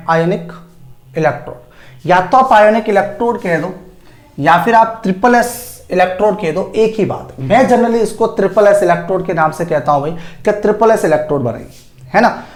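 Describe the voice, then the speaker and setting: A male chemistry teacher lecturing at a whiteboard, posing rhetorical questions to the class and answering them himself. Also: sits high. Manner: asks himself rhetorical questions and answers them, calls students "sir" and "child". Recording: echoey room.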